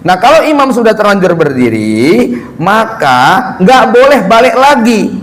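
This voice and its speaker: A male preacher giving a lively sermon to a congregation, often raising his voice for emphasis. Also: sits high, unhurried. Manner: lively, rising loud for emphasis, addressing the congregation. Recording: long hall reverb.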